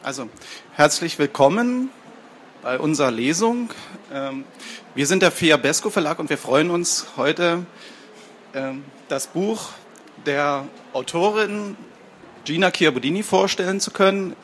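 A man's voice: fairly high pitch, animated, unhurried, fairly bright tone, a little hiss or hum. A man from a publishing house hosting a book reading before an audience, talking hesitantly with fillers. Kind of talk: live event introduction.

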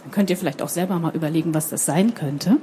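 A woman reading a picture book aloud to a group of children, expressive and talking directly to them. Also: deep voice, fast, a little hiss or hum. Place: room with children nearby.

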